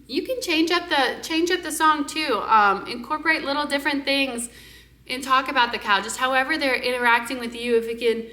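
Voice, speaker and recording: A young woman speech-language pathologist giving parenting tips in a lively way and singing nursery songs with big, exaggerated delivery. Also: sits high, a little fast. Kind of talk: parenting tips with sung demonstrations. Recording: echoey room.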